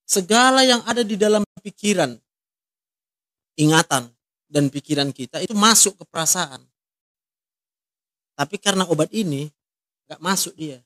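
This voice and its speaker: High-voiced man counseling with short probing questions. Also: lively intonation, normal speed, pauses often, a bit bright, no room sound. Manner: direct, asks many short probing questions. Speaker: counselor in a ministry. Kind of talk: one-on-one counseling talk.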